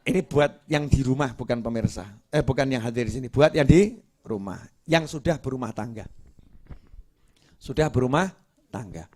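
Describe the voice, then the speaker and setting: A male preacher gives a lively, jokey sermon in an ordinary middle-pitched voice, moving from hushed asides to loud, excited bursts. He speaks at a normal speed and pauses often.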